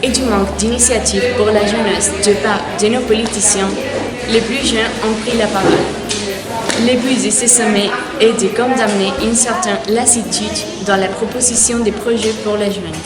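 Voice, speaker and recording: A woman's voice: mid-range voice, steady tone, moderate pace. Woman anchor, formal read, distant in a reverberant hall, heavy music bed. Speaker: news anchor. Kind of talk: read news introduction.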